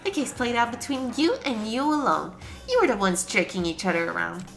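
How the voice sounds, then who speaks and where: A woman's voice: on the high side, animated, brisk, creaky, a bit bright, faint music behind. A woman voicing a mischievous robot bear villain from a video game, smug, taunting and theatrical. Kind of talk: video game character read-aloud.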